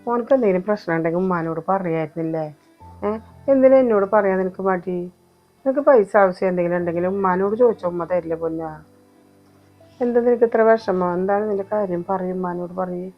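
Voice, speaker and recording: A woman's voice: on the low side, fast talker, natural voice. A woman with a Malappuram Malayalam accent playing a worried mother who pleads with and scolds her grown son in an amateur family short film. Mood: coaxing. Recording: slightly dull lo-fi recording. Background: faint music.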